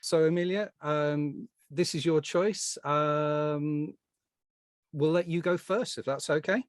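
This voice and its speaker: A friendly man hosting a podcast and laying out the rules in an orderly way. His voice is slightly high for a man. The sound is dry and close. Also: fairly even intonation, slow, no echo. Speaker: podcast host.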